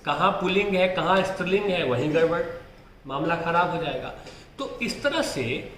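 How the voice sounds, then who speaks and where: A man's voice: fairly high pitch, animated, moderate pace, fairly bright tone, echoey room. A man teaching Hindi exam prep, who asks rhetorical questions, answers them himself and keeps checking in with his students.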